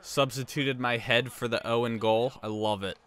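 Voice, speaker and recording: A young man giving rambling, casual live commentary on a hockey video game he is streaming, breaking into excited cheers when his team scores. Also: medium pitch, moderate pace. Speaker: gaming streamer.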